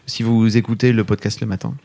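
A man's voice: on the low side, steady tone, brisk, vocal fry, warm tone. A man in casual podcast conversation, rambling and often rephrasing himself as he goes. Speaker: podcast panelist.

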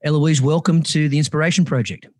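A man with an Australian accent hosting a conversational interview in a measured, courteous way. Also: fairly high pitch, steady tone, dry recording, studio quality. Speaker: podcast host.

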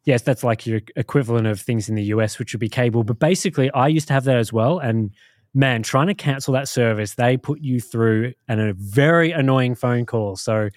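An Australian man with a medium-pitched voice talks casually as a podcast host. He rambles conversationally, and the sound is dry, with very little room in it. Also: brisk, no room sound. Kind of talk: casual chat.

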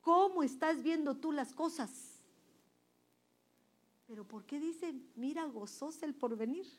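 Preaching a sermon to a women's church group, a woman speaks emphatically and quizzes her listeners with questions, her delivery swinging between loud and soft. Her voice is high, with lively intonation and a slightly slow pace.

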